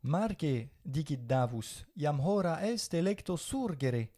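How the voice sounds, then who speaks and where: A man's voice: on the high side, very animated, slow pace, mellow. A man from France teaching a spoken Latin lesson, patiently explaining and correcting.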